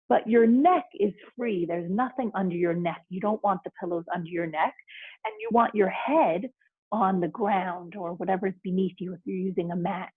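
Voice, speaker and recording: A woman teaching restorative yoga, giving soothing, unhurried step-by-step instructions. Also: medium pitch, breathy edge, no room sound, narrow, tinny audio.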